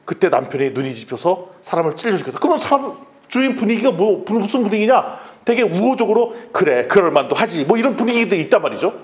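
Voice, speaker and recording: A man's voice: high voice, quick pace, dull audio. A man preaching a sermon as pastor, telling stories and acting out quoted dialogue. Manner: lively storytelling, acts out quoted dialogue.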